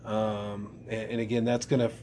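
A man's voice: lowish voice, little pitch movement, normal speed, warm tone, slight background noise. A man hosting school morning announcements in a playful, rambling way with lots of fillers.

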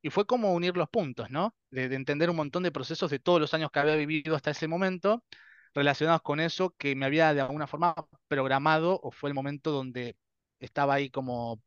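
A man's voice: a little high, fast talker, clean tone, dry recording, lo-fi sound. A man in his thirties with a Rioplatense Spanish accent, telling his story as a guest in a casual interview, acting out dialogues and laughing often. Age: 30s.

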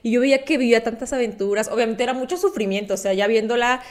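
A woman's voice: on the high side, quick pace. A young woman with a Mexican accent, chatting casually as a podcast co-host, telling self-mocking stories with a lot of laughter. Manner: animated, self-mocking storytelling, laughs often. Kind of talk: casual chat.

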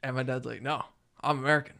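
A man from Naples, Florida, hosting a casual podcast chat, relaxed and halting with many fillers. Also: medium pitch, creaky. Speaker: podcast host.

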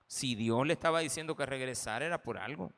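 A man's voice: medium pitch, fast, fairly bright tone, big-room sound. A man with a Salvadoran accent preaching a sermon as pastor, impassioned and speaking straight to the congregation. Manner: impassioned, addresses the congregation directly.

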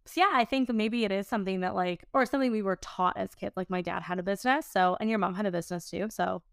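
A woman in her late twenties, a podcast host and business owner, chats casually in an informal, rambling way sprinkled with "like." Her mid-range voice is fast and creaky, recorded in clean studio sound with no echo.

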